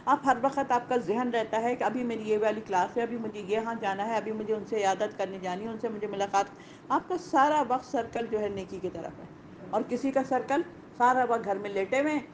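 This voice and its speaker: A woman teaching a Quran lesson to women, animated, asking rhetorical questions and repeating key points. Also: fairly high pitch, a little hiss or hum, low-quality recording.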